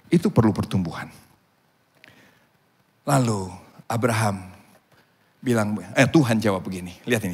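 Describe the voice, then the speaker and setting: Husky pastor preaching in a church hall. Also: male voice. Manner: animated storytelling, acting out villagers' voices in high pitch. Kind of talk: sermon. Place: church auditorium.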